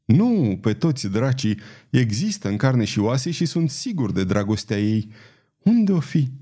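Male reader doing a bashful lovesick guy, stammering, lively pitch, storybook role. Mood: earnest. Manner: sheepish, stammering. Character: lovesick, timid, hungry grown man.

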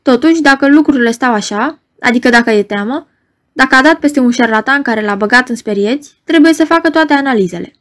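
Brief: woman narrator, measured audiobook reading, slightly high voice. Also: a bit bright. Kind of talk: scripted narration.

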